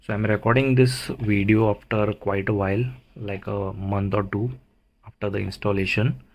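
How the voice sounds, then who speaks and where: Low, even-toned man explaining casually. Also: moderate pace, muffled recording. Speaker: motovlogger, presenter. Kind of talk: casual how-to tutorial narration.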